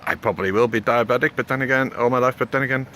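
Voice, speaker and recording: A man, talking casually and haltingly in a rambling vlog, often repeating words. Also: medium pitch, fairly bright tone. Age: 40s. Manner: hesitant, halting, with repeated words and frequent "you know". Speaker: video blogger giving a health update. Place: outdoors near a road. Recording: clear background noise, outdoors with passing traffic.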